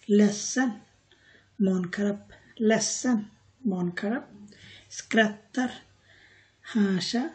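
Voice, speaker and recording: A woman teaching a vocabulary lesson, saying each word slowly and then its meaning, with fillers and self-corrections now and then. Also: medium pitch, darkish tone. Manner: pauses with fillers and corrects herself. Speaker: language teacher.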